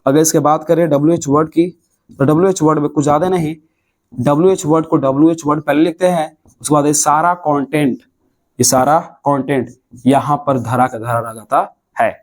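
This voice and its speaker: Man teaching grammar in Bihari Hindi. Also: fairly high pitch. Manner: explains step by step, answers his own questions. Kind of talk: classroom grammar lesson.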